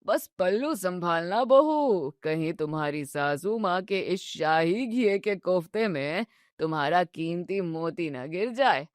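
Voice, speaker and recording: A woman voicing a joking, teasing old father-in-law who drawls his words slowly in a storybook tale. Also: on the low side, lively intonation, no echo, clean studio sound, voice pushed down. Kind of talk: storybook narration.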